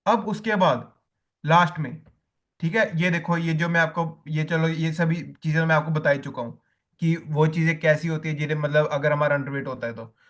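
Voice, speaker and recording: Male coach, high voice, repetitive classroom teaching style. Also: fairly even intonation, moderate pace, fairly bright tone. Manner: repetitive, tells listeners to write points down. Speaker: diet coach. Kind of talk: spoken lesson to coaches.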